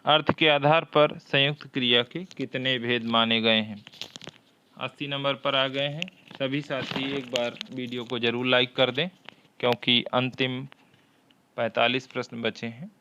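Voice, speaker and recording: A man teaching a Hindi exam-prep lesson, reading each question aloud, often twice, and explaining the answer deliberately. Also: mid-range voice, level tone, bright, forceful tone, clear, resonant tone, dull audio.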